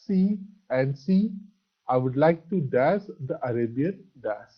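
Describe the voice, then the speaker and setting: A man's voice: on the high side, expressive, unhurried. A man with an Assamese accent teaching an English grammar lesson, spelling out words and answering his own questions. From Assam, India. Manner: asks questions and answers them himself, praises with "very good". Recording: dull lo-fi recording.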